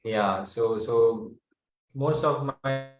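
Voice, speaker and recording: A man from South India with an Indian accent, answering interview questions earnestly with many fillers and pauses. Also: medium pitch. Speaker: guest author and researcher. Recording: roomy echo.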